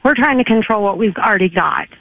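A woman's voice: mid-range voice, lively intonation, fast, gravelly, no echo. Woman caller on a muffled phone line. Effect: heard over a phone line. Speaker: radio call-in caller. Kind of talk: casual call-in chat.

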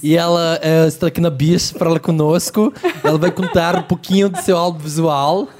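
A man's voice: fairly high pitch, little pitch movement, a little fast, a crowd in the background, close to an everyday voice. A man voicing a stiff, formal interviewer with a put-on European Portuguese accent. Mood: mock formal.

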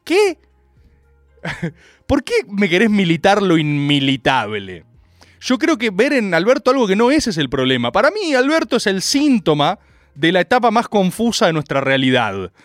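A young man with a Rioplatense Argentine accent talks in a raised voice that swings widely in pitch as he riffs ironically on politics. He rambles from one joke to the next and laughs at his own lines. His voice sits dry and close to the mic, with faint music underneath. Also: very animated, moderate pace, fairly bright tone, dry recording. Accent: Rioplatense Spanish. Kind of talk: comic political monologue.

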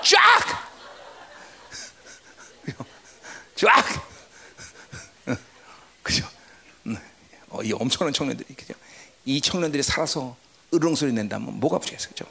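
A pastor preaching in church, the voice gravelly and fry-laden, with pitch swinging wildly from low murmurs to shouted highs. The pastor keeps prodding listeners for replies and drops into quiet asides between bursts. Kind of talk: sermon.

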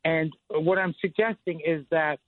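A fifties-aged caller on a radio show's phone line spins out a lengthy personal tale, leaning heavily on "you know" and "like." The tinny, dry line carries his slightly high, steady voice at a measured pace.

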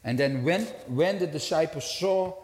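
A man's voice: fairly high pitch, unhurried, a little mellow. A man preaching in short phrases for an interpreter, often stopping and restarting, in a reverberant hall. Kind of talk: sermon with live interpretation.

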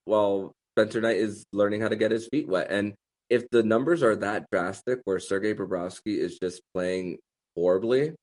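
A man hosting a sports podcast in casual discussion, haltingly repeating words as he thinks. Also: lowish voice.

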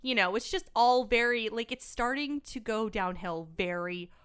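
A woman's voice: a little high, clean tone. A woman co-hosting a podcast, chatting casually and expressively about a film and laughing often. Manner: lively, expressive, quick to laugh. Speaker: podcast co-host.

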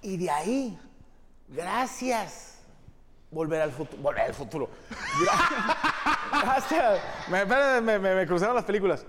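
A man's voice: high-pitched, very animated, a little slow, pauses often. A man, co-hosting a comedy podcast in slangy, joking banter, laughing often. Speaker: podcast co-host. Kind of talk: joking casual chat. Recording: reverberant room with faint noise.

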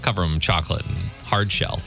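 A man's voice: sits low, fairly even intonation, fast talker, pushed and bright, soft background music. A man co-hosting on radio, talking casually and chattily as he runs a quiz and banters. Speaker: radio co-host.

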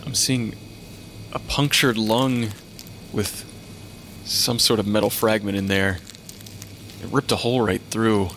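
A man's voice: lowish voice, steady tone, slow pace, long pauses, a bit bright, slight background noise. A man playing a weary, matter-of-fact medical examiner who talks to ghosts in an audio drama. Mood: focused. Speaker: pathologist.

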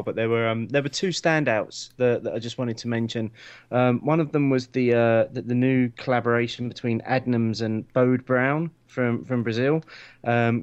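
A man with an Essex accent talking casually as a podcast co-host about what he has been tasting, in a halting way with repeated words. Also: mid-range voice, smooth, highs cut off. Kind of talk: casual beer review chat.

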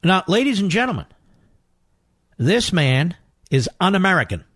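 A man hosting a talk radio show, speaking forcefully and asking indignant rhetorical questions. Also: high voice, very animated, normal speed, dry recording, clean studio sound. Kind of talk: talk radio monologue and call-in.

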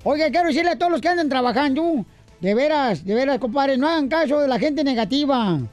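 A man hosting a morning radio show, his voice pitched very high for a man. He teases his co-hosts in playful banter and calls his listeners paisanos. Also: lively intonation, quick pace, faint music behind.

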